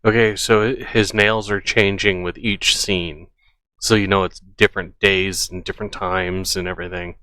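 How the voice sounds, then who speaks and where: A man's voice: low voice, flat delivery, normal speed, pushed and bright, smooth. A man hosting a reaction video, scoffing and skeptical as he picks apart a clip and repeats his points. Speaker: reaction channel host. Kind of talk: reaction commentary.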